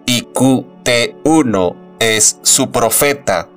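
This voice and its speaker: A man voicing a solemn male robot prophet in an audiobook, with a booming metallic voice and a slow, preaching delivery. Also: fairly bright tone, faint music behind. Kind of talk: audiobook narration.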